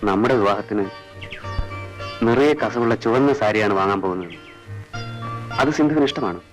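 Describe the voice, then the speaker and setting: A man's voice: on the low side, animated, moderate pace, faint music behind, lightly acted. A man playing a tender young lover. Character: tender young man in love planning his wedding. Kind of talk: romantic 1980s film dialogue.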